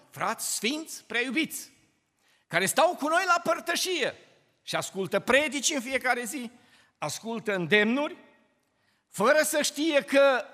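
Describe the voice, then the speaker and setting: Male preacher, high lively voice, church hall reverb. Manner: impassioned, rising and dropping sharply for emphasis. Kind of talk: sermon.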